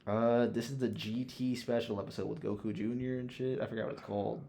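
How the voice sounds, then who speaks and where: This podcast co-host has a warm, creaky, medium-pitched voice and a flat, brisk delivery, with slight background noise. He ranks anime villains and movies in loose, casual talk peppered with slang and curse words.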